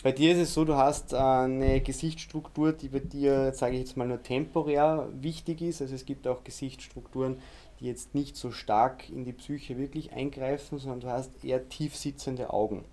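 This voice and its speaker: A man, explaining face reading as an interview guest in a steady, instructive way. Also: medium pitch, moderate pace. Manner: steady, instructive, many fillers.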